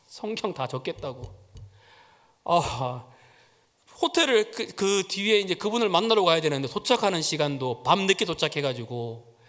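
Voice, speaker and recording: A man's voice: a little high, fairly bright tone. A man preaching a sermon, telling a personal story and acting out the quoted voices. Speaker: pastor. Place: church sanctuary. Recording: long church-hall reverb.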